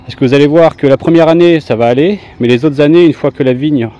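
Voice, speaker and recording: A man's voice: fairly high pitch, quick pace, dark tone, muffled recording. A man hosting a gardening video, explaining each step in a plain-spoken, colloquial, instructional way. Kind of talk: casual instructional gardening narration.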